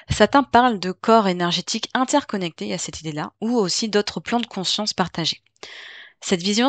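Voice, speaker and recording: A woman hosting a solo podcast as a life coach, explaining calmly with frequent fillers, hesitations and self-corrections. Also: medium pitch, no echo.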